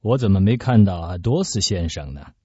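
A man voicing a cold, powerful male cardinal in radio storytelling, measured and dismissive. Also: sits low, expressive, warm tone, husky, no room sound. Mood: commanding. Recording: dull lo-fi recording.

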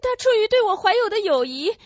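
A woman voicing a loving, frightened young woman who has been poisoned, speaking in a halting, tearful way. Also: very high-pitched, big pitch swings, dry recording. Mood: frail. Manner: breathless, halting, tearful delivery. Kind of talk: Chinese radio-play acting. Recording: dull lo-fi dry recording.

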